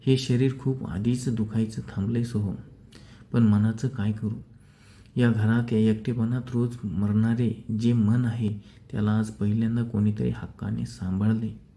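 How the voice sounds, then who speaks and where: A man reading the lines of a lonely, shy mature woman in a storybook, speaking softly and hesitantly in his own voice. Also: fairly low pitch, flat delivery, unhurried, gravelly. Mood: aching.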